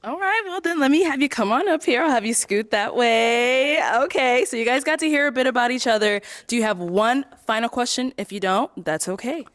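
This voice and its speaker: A woman hosting a dating show, steady and directive. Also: on the high side, fairly quick, few pauses, dry recording, clean studio sound.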